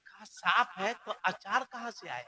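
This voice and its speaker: High bright-voiced preacher telling a tale. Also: male voice, animated, moderate pace. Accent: Jharkhand Hindi. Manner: swings from hushed murmurs to high shouted outbursts. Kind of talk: storytelling sermon.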